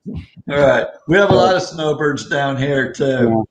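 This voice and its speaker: A man's voice: medium pitch, lively intonation, measured pace, highs cut off. A man chatting casually on a livestream in an easygoing, agreeable way. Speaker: livestream participant. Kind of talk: casual live chat. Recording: roomy, echoing sound.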